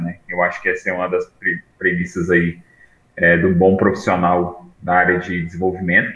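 A man's voice: lowish voice, sharp tone, highs cut off. A man with a Brazilian accent talking casually as a podcast panelist, recorded with a roomy echo. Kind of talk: casual discussion. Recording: roomy, echoing sound.

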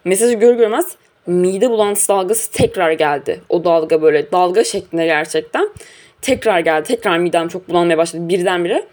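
A woman's voice: lowish voice, brisk, darkish tone. A young woman casually recounting a personal story, animatedly acting out quoted dialogue.

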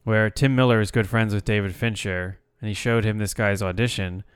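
A man co-hosting a podcast, chatting casually about movies in a relaxed, musing way. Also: on the low side, fairly quick, smooth, no echo, clean studio sound. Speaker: podcast co-host.

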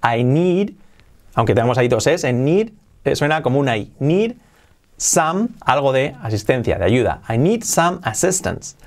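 A man teaching English phrases in a video lesson for Spanish speakers, repeating each one slowly to model the pronunciation. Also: mid-range voice, expressive.

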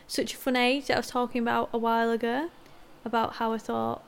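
A woman's voice: a little high, level tone, a little fast, gravelly, a little hiss or hum. A young woman chatting casually about shows and books, in a playful, wry way.

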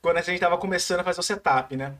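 High-voiced young Brazilian man. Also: rapid-fire, fairly bright tone. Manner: storytelling, stammering restarts, acts out quotes. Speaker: podcast host. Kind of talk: casual chat.

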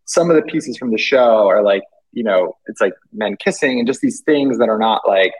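A man's voice: on the low side, lively intonation, moderate pace, husky, poor audio. A British man, an artist guest, talking casually and hesitantly with many fillers and restarts. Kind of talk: casual interview chat.

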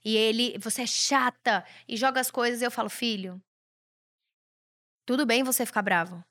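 A woman in her thirties from Brazil hosts a podcast, offering blunt, provocative motivation with casual swearing in a Brazilian Portuguese accent. Her voice leans high and a bit bright, at normal speed.

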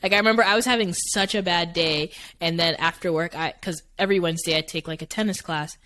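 Lower-voiced woman, rambling casual talk. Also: fairly even intonation, fast talker, fairly bright tone, a little hiss or hum. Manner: rambling, heavy use of "like". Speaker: podcast co-host. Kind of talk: casual chat.

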